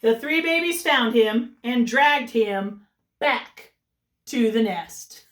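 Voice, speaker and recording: A woman reads a children's story in a high, very lively voice at an unhurried pace, like a kindergarten teacher. She is chatty and expressive, recorded in a roomy space a little away from the mic. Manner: animated, chatty, giggly asides. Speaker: kindergarten teacher reading aloud. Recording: roomy echo, distant microphone.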